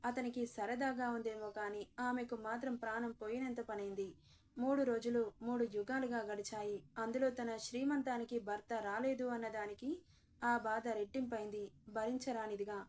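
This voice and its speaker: A woman narrating a dramatic romance story in an expressive, emotive storytelling manner. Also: a little high, normal speed.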